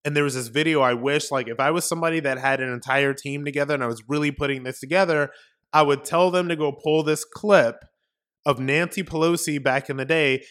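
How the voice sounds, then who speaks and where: A man hosts a political commentary podcast, his voice on the high side and fairly bright. He talks emphatically in a ranting monologue packed with repetition and rhetorical questions.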